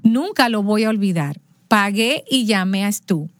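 Animated woman storyteller, dry close sound. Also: mid-range voice, a little slow, no echo. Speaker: interview guest. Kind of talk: personal storytelling in conversation.

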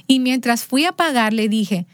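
A woman telling a personal story as an interview guest, lively, acting out the lines of people in her story. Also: on the high side, unhurried, no echo, studio quality.

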